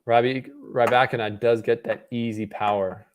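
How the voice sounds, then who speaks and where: A young man from Canada talks through a tennis match for his live-stream viewers from home. His voice sits in an everyday middle pitch, and his talk is loose and conversational, full of fillers and restarts. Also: normal speed, slight background noise. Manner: relaxed, chatty, with filler words and self-corrections. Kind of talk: casual live watch-party commentary. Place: home room.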